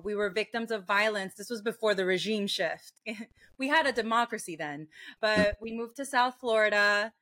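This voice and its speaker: A woman from Venezuela, a filmmaker guest in a podcast interview, telling her story in an animated, reflective way. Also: mid-range voice.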